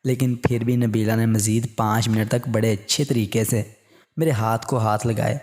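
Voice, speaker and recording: A man narrating a written story in a calm, steady reading voice. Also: on the low side.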